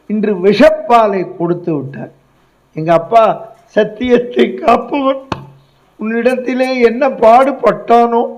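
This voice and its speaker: A man's voice: sits high, a little mellow, pitched above the performer's own voice, poor audio. A man voicing a grief-stricken, furious young prince in a storytelling discourse, declaiming with indignation.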